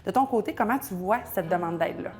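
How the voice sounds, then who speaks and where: A woman's voice: mid-range voice, animated, quick pace, darkish tone, soft background music. Chatty woman host. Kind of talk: interview questions.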